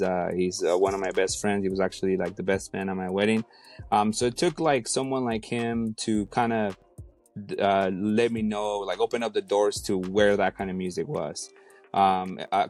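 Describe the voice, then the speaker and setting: A Mexico City DJ and rapper in his thirties chats casually as an interview guest, with lots of fillers and restarts. His voice is fairly low and darkish.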